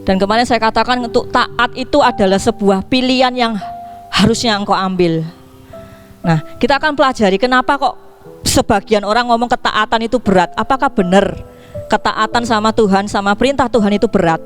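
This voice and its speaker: A woman pastor preaching a sermon in a lively way, asking her congregation questions. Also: on the high side, a little fast, soft background music. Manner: lively, asks the congregation questions, acts out dialogue. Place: church.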